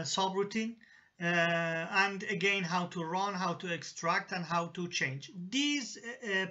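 Man, slow halting tutorial, lots of uh and restarts, lo-fi voice-over. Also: high-pitched, pushed and bright. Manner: halting, many fillers and restarts. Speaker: engineering software tutor. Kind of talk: screen-recorded software tutorial. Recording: dull lo-fi voice-over.

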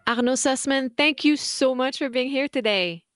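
A woman's voice: high voice, moderate pace, a bit bright, no room sound, clean studio sound, faint music behind. A woman hosting a podcast, enthusiastically reading a guest's introduction and asking questions. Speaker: podcast host. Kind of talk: podcast interview.

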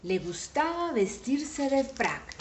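A woman reading a children's story aloud in an animated way, with sudden shouted exclamations. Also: high voice, slow, reverberant, slight background noise.

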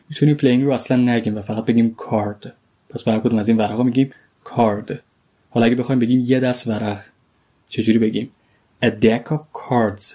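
A man with a Persian accent teaching a vocabulary lesson, saying each word slowly twice and then explaining it. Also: on the low side, dark tone, slightly rough. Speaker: English teacher. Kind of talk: vocabulary lesson, slow repeated words with translations.

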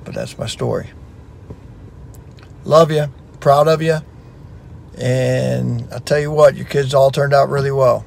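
Guy w a gravelly voice, joking around telling a story about his mom. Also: medium pitch, measured pace, long pauses, a little mellow, slight background noise. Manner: wry, teasing. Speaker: son telling a family story. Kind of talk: casual joking anecdote.

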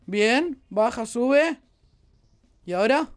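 A woman with a Rioplatense Spanish accent doing excitable let's play commentary as a gaming YouTuber, exclaiming and joking at the viewers. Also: on the high side, takes it slowly.

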